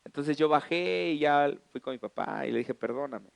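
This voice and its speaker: A middle-aged Mexican man preaches with a fairly high voice. He tells a family story in a loose, joking, colloquial way, full of slang and asides. The sound is dry and close, with no room echo. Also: normal speed, vocal fry. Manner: animated, humorous, colloquial storytelling. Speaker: pastor. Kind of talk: storytelling sermon.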